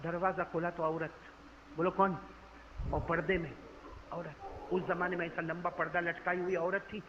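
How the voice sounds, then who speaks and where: A male preacher telling a story in a sermon to a live gathering, swinging between hushed narration and shouting and quizzing his listeners. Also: sits high, level tone, noisy background. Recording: echoey hall, dull lo-fi sound.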